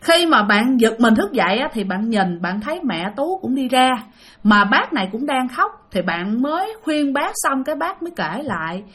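A woman's voice: a little high, sing-song, normal speed, a bit bright, husky. A woman with a Southern Vietnamese accent telling a ghost story, emotional and speaking directly to her listeners. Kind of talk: spoken ghost-story narration.

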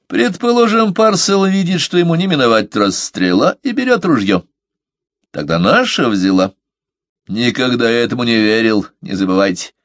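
A man's voice: medium pitch, big pitch swings, normal speed, no echo, studio quality, voice pushed up, close to an everyday voice. A man voicing a sardonic, scheming sailor who talks in a nasal, sneering, lecturing way.

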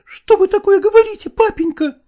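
A woman's voice: extremely high pitch, brisk, mellow. A woman playing a stubborn, tearful young wife arguing with her father in a dramatized reading, emotional and defiant.

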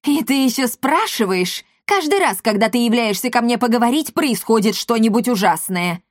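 A woman's voice: a little high, animated, normal speed, dry recording, natural voice. A hot-headed male cat pilot barks threats in a raised, strained voice, as a woman reader puts him on. The sound is close and dry. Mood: furious. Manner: shouting, threatening.

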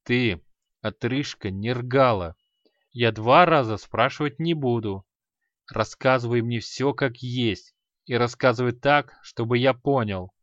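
A grim, bearded mage with a short fuse, as a male narrator puts him on, talking gruffly and menacingly through clenched restraint. The audiobook recording is slightly muffled and dry. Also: medium pitch, unhurried, no room sound, close to an everyday voice. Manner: gruff, threatening, barely restrained anger.

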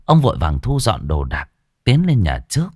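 Low-voiced man narrating a ghost story. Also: huge pitch swings, normal speed, dark tone, dry recording, studio quality. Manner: dramatic, varied delivery.

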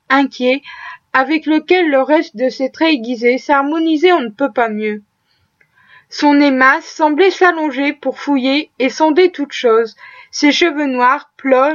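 Woman audiobook reader, high voice, steady measured delivery, muffled lo-fi sound. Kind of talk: reading a classic novel aloud.

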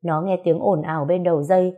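A woman narrating a story in a calm, measured way. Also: fairly low pitch, narrow, tinny audio.

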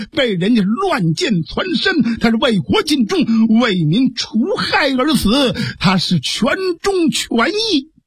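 Husky high-voiced storyteller. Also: male voice, dry recording, studio quality. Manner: lively, dramatic narration with sudden shifts. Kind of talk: traditional pingshu storytelling.

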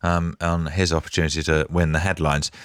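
A man chatting casually and a bit haltingly as a radio co-presenter. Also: a bass voice, flat delivery, fairly bright tone, dry recording, clean studio sound. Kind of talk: casual live radio chat.

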